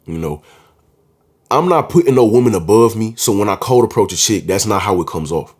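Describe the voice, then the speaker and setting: A man's voice: on the low side, expressive, brisk, darkish tone. A man talking casually to camera, giving dating advice in a confident, slangy way and often calling the listener "bro". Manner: confident, emphatic.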